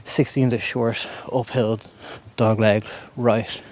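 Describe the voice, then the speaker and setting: A man's voice: lowish voice, flat delivery, takes it slowly, darkish tone. A man doing casual live golf commentary as a commentator, in a conversational, loosely phrased way.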